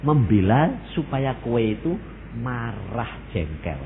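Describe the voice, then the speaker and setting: Animated Javanese-accented male preacher, tinny. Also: medium pitch, takes it slowly, noisy background. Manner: animated, mixes in Javanese, acts out quoted prayers. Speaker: pastor. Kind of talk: sermon. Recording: tinny phone-like sermon recording.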